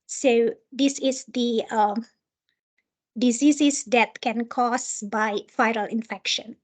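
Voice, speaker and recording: A woman with a distinctly high voice and an Indonesian accent presents training material. She speaks as an instructor going through slides, often halting to search for the right word. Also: steady tone.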